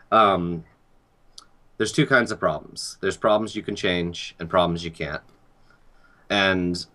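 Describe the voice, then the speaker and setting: Very low-voiced calm young man. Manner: calm, earnest, reflective. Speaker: guest. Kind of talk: casual chat.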